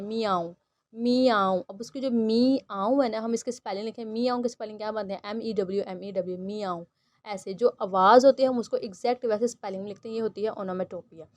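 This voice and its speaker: A woman teaching a textbook lesson. She reads each English line slowly, then explains it at length with many fillers. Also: medium pitch, a little mellow. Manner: frequent fillers and restarts while explaining.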